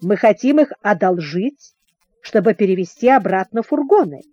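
A woman's voice: mid-range voice, expressive, normal speed, warm tone, no echo, lo-fi sound, close to an everyday voice. A woman voicing a serious teenage boy in a storybook reading, speaking patiently and firmly. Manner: patient, firm.

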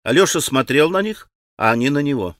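A man narrating a classic novel as an audiobook, with expressive, measured storytelling. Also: mid-range voice, no echo. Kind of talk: scripted narration. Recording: dry studio recording.

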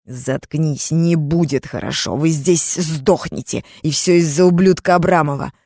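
A woman's voice: low voice, a little mellow, no room sound, studio quality. A woman voicing a menacing, brutal kidnapper. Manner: slow, menacing, snarling threats. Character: brutal armed male kidnapper, cruel and vicious.

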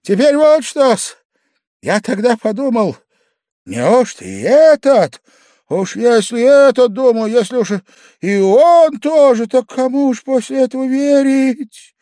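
Male reader doing drunk fawning man, shrill and simpering, dry close sound. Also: sing-song, no room sound. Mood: drunken frenzy. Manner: simpering, shrill, drawn-out pleading. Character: drunk fawning middle-aged man, wheedling and hysterical.

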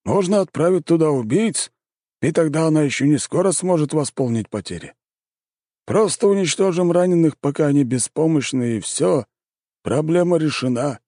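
A man's voice: fairly high pitch, expressive, moderate pace, dark tone, dry recording, clean studio sound, pitched above the performer's own voice. A man playing a cunning scheming advisor. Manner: scheming, persuasive.

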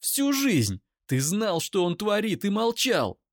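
A man's voice: high voice, wildly swooping pitch, takes it slowly, no echo, studio quality, voice pushed up, heavily acted. A man voicing a furious young woman who screams accusations in a raised voice.

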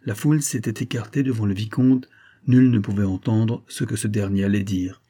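A man narrating a classic novel as an audiobook in a measured, even way. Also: fairly low pitch.

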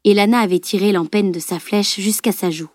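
A woman narrating a novel aloud as an audiobook reader, in a measured storytelling tone. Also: mid-range voice, steady tone, darkish tone, no room sound, clean studio sound. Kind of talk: scripted narration.

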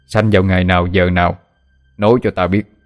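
A man voicing a kindly armored king in a dream, asking gently. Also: low voice, little pitch movement, brisk, faint music behind. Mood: gentle. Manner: gentle, questioning.

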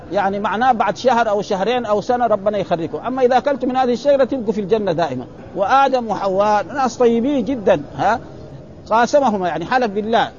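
High, quick-talking man teaching hadith. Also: darkish tone. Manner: keeps asking listeners "ها؟" to check they follow; explains with everyday examples and repeats points. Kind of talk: hadith lesson in colloquial Arabic. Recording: dull lo-fi recording.

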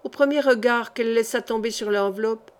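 A woman narrating a historical novel as an audiobook. Her reading is measured and expressive, in a fairly high voice.

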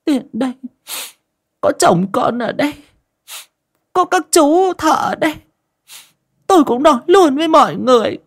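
A shrill, scheming daughter-in-law. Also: female voice, animated, measured pace, long pauses. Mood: whining. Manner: mocking, whining, theatrical. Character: scheming sharp-tongued daughter-in-law, adult woman.

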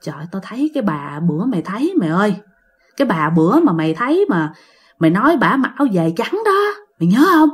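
A woman voicing a frightened young woman who sees a ghost, speaking low and hushed. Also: animated, rapid-fire, hardly any pauses. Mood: hushed, fearful.

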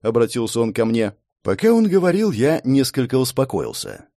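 A man's voice: medium pitch, moderate pace, dry recording, clean studio sound. A man narrating an audiobook expressively, voicing every character himself. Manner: expressive, plays all the voices. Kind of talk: scripted narration.

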